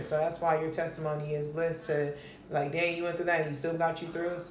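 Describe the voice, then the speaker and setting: Rambling woman in her twenties, echoey room. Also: deep voice. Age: 20s. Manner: earnest, rambling with restarts. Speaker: podcast co-host. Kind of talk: casual podcast chat. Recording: echoey room with faint noise.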